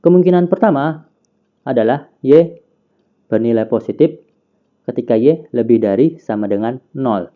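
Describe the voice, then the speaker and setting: A man's voice: mid-range voice, lively intonation, normal speed, pauses often, narrow, tinny audio. A man teaching a math lesson, patiently explaining, asking questions and answering them himself. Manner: patient, asks and answers own questions, counts aloud.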